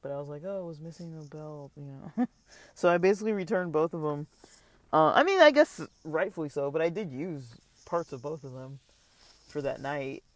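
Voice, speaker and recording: Tired rambling man with a higher voice. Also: animated, moderate pace, dry recording. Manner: rambling, many fillers and restarts. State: tired, yawning. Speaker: online seller vlogger. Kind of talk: casual rambling vlog update.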